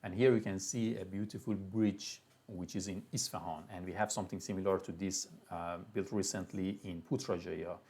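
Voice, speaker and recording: Persian-accented male lecturer, lowish voice, relaxed classroom talk full of restarts and asides. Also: moderate pace, few pauses, husky. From Iran. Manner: loose, chatty lecturing with many restarts and fillers. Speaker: university lecturer.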